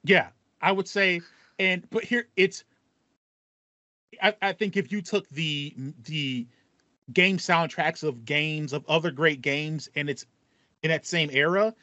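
Slow and sharp-toned, his voice fairly high, a man in his thirties chats casually about video games as a podcast co-host, emphasizing points through repetition. The video call comes from a small foam-paneled home room, recorded with no room sound in slightly dull, band-limited audio.

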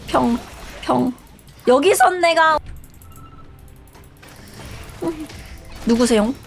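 A woman's voice: sits high, extremely slow, creaky, soft background music. A young woman streaming a game, chatting playfully and teasing her viewers and teammates. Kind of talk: live game streaming chat.

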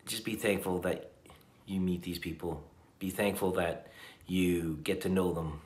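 A man's voice: low voice, fairly even intonation, measured pace, a little mellow, echoey room. Tired fifty-something man vlogging from a hotel room. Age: 50s. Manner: reflective, earnest, with frequent restarts. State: tired at the end of a long day. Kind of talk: casual vlog talk to camera. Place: hotel room at night, indoors. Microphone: camera on a table at arm's length.

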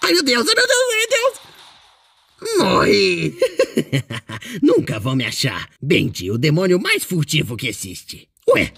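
A boastful, playful male ink demon, voiced by a fan performer commentates his own game. The voice is gravelly with a husky edge, and the pitch leaps up and down constantly. He keeps exclaiming and bragging. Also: huge pitch swings, moderate pace, hardly any pauses, dry recording, exaggerated voice. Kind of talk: in-character gaming commentary.

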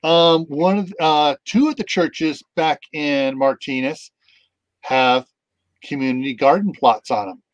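On a video call, a middle-aged male host with a somewhat high voice speaks a little slowly, with no room sound. His casual chat wanders, packed with ums and you knows, and the webcam recording sounds dull and dry.

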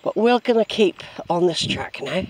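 An animated, medium-pitched voice with a darkish tone talks at a moderate pace, and a little hiss or hum can be heard. It's a vlogger out on a woodland track, rambling and musing casually while walking, captured with a handheld camera's built-in microphone.

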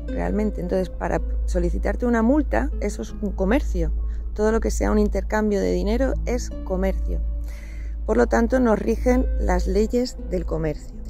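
Lady explaining her rights, earnest, keeps asking "right?", soft music under her. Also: mid-range voice, vocal fry. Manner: earnest, many rhetorical "¿no?" tags. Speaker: channel host. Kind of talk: explanatory talk to camera.

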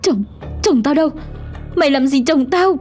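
A woman's voice: sits high, animated, normal speed, a little mellow, soft background music, voice pushed up. A woman voicing a terrified stammering old wife. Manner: stammering, frightened.

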